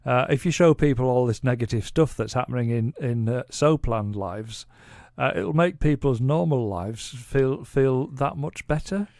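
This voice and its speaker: A man co-hosting a casual comedic chat show, chatty and curious, dropping quick yeses and asking questions. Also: medium pitch, gravelly, a little mellow, no room sound, clean studio sound. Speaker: podcast co-host.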